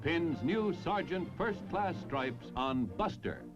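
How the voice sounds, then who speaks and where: An American announcer gives scripted narration for a mid-century military newsreel from the 1950s-60s, jaunty and polished, with music beneath him on an old film soundtrack. He speaks slowly, his voice on the high side with big pitch swings. The sound is lo-fi.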